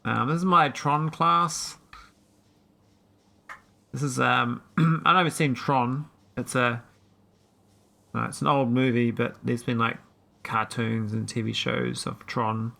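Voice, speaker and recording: A man chatting casually while streaming a game, rambling with many pauses and talking to his viewers. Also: mid-range voice, fairly even intonation, vocal fry, pushed and bright. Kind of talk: casual live-stream chat.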